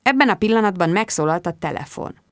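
A woman's voice: mid-range voice, animated, dry recording, studio quality. A woman reading a first-person novel aloud as an audiobook, telling the story expressively. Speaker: audiobook reader.

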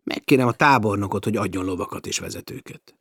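A man voicing a bold, brash male naval officer adventurer, speaking forcefully and commandingly. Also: fairly low pitch, husky, no echo, clean studio sound. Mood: brisk.

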